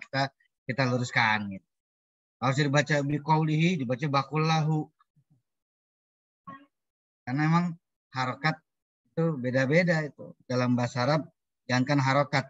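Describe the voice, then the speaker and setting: A man's voice: medium pitch, a bit bright, no echo, highs cut off. A male lecturer teaching an online class, explaining step by step with lots of repetition and playful wordplay over video call audio. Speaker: Islamic studies lecturer.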